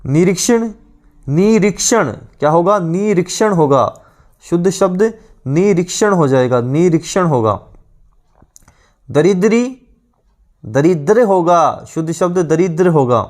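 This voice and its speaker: Male exam coach, slightly high voice, drills each word over and over. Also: expressive, a little mellow. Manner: repeats each word slowly several times; drills with rhetorical questions. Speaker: teacher. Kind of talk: exam-prep grammar lesson.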